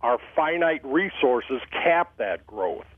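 A man's voice: medium pitch, sing-song, takes it slowly, dry recording. Man calling in on a tinny phone line. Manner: casual, folksy and friendly. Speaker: radio show caller. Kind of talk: call-in question to a guest.

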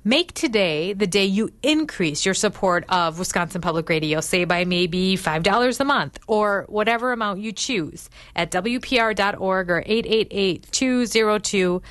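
A woman's voice: mid-range voice, expressive, moderate pace, hardly any pauses, a bit bright, no echo. Encouraging woman pledge-drive co-host. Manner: friendly and encouraging, with thanks to listeners. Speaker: radio co-host. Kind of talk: public radio pledge appeal. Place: radio studio. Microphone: studio microphone.

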